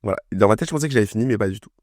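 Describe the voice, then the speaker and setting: Young man, low-pitched, dry close sound; chatty and enthusiastic music-review vlogger. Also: lively intonation, rapid-fire, darkish tone, dry recording. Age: young adult. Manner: enthusiastic, chatty, full of fillers. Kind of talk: casual chat.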